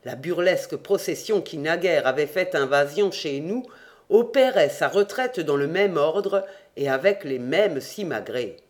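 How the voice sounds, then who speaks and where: A man reading an adventure novel aloud with measured storytelling. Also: a little high, expressive. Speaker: audiobook reader.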